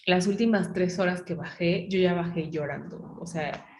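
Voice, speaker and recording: A woman's voice: on the low side, normal speed, echoey room, background noise. A woman with a Mexican accent hosting a podcast, chatting casually and filling her story with "o sea" and "¿no?". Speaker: podcast host. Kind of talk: casual chat.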